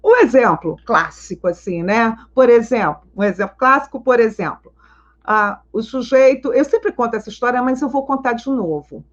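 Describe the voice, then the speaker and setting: A woman psychologist teaching in a live online Q&A, animated and teacherly, telling anecdotes and asking rhetorical questions. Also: on the high side, normal speed, lo-fi sound. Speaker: psychologist and schema therapy teacher.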